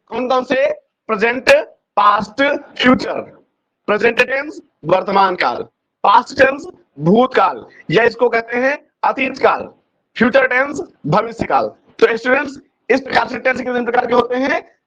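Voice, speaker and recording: A man with a very high voice teaches an English grammar lesson with a Hindi accent. He drills his students and keeps answering his own questions. The recording sounds dull and lo-fi. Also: fairly bright tone. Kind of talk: classroom-style grammar lesson.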